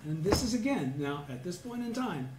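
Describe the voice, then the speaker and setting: A middle-aged man from Southern California tells a personal story to a small study group. He acts out his own past words, sometimes shouting or chanting. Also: high-pitched, very animated, moderate pace, over loud music. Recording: echoey room with faint background noise.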